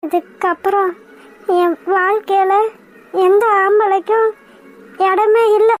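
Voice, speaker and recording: A woman voicing a young lovesick village woman in a cartoon, with a high, squeaky, weepy voice. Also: steady tone, slow pace, faint music behind. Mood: tearful. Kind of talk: cartoon voice acting.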